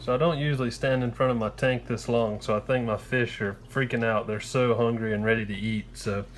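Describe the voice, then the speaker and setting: Easygoing man with a slightly higher voice. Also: steady tone, a little fast. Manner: informal, easygoing explaining to viewers. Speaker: home aquarium hobbyist filming a fish-care vlog. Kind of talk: casual unscripted demonstration and narration. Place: at home beside a fish tank and kitchen sink.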